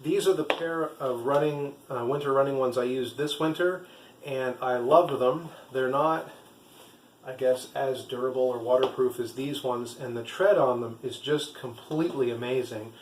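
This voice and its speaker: A man's voice: medium pitch, moderate pace. A man giving a casual, rambling product review to camera, with some hesitation. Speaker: vlogger and trail runner. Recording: echoey room with faint background noise.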